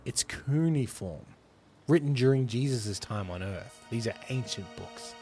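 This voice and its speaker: Animated man retelling a story. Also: medium pitch, a little slow, over music. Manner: animated retelling, laughs often. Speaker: podcast host retelling a script. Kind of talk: casual storytelling chat.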